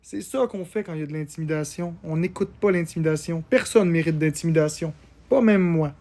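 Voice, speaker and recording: A man's voice: a little high, a little fast, mellow. Chatty man live-streaming. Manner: chatty, reads and answers viewer comments, thanks people for gifts. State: tired. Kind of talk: casual live-stream chat with viewers.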